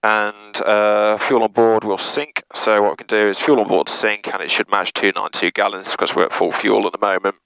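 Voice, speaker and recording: Inside a small turboprop cockpit, a man who presents as a pilot walks through hands-on procedure checks one item at a time. His lowish voice shows little pitch movement and moves at a moderate pace with few pauses, sounding a bit bright with no room sound. Aircraft noise comes through clearly on the muffled recording.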